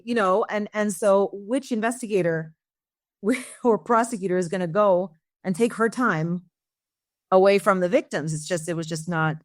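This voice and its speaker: A woman's voice: medium pitch, no echo, clean studio sound. A middle-aged woman, a former prosecutor, answering interview questions in a candid, reflective way, often restarting her phrases.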